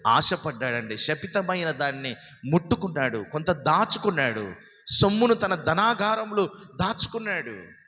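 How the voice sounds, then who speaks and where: A man preaching a sermon as pastor, asking his listeners question after question and swinging between loud emphatic peaks and low, soft lines. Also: very animated, normal speed, in a large hall. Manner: preaching with many rhetorical questions. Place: church hall.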